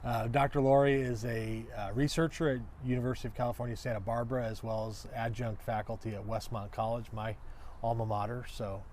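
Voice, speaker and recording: An enthusiastic male talk show host, introducing a guest and asking friendly questions. He talks at a medium pitch and stumbles into restarts now and then. There is a faint hiss under the voice. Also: little pitch movement, brisk, darkish tone.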